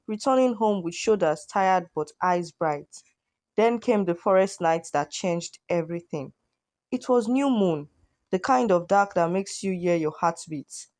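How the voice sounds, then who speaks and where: A woman narrating a folktale in a measured, image-rich way. Her voice sits a little low and the recording is dry and close. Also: darkish tone, no echo. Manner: measured, vivid with proverbs and images. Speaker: storyteller.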